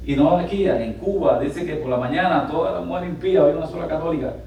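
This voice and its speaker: A male pastor delivers a sermon in an animated way and climbs to loud, ringing exclamations. His voice sits a little high for a man. The sound is echoey and distant, picked up from across a large church hall with faint room noise. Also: fast. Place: church sanctuary.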